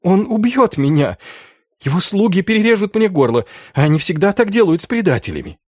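A man's voice: sits high, normal speed, mellow, no room sound, studio quality, pitched above the performer's own voice, close to an everyday voice. A man voicing a terrified accused sorcerer who pleads frantically and tearfully. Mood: panicked.

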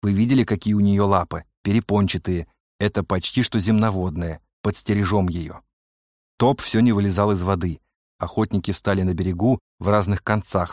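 A man narrating an adventure story in a measured storytelling reading. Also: deep voice, a little mellow, no echo, studio quality. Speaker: audiobook narrator. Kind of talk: scripted narration.

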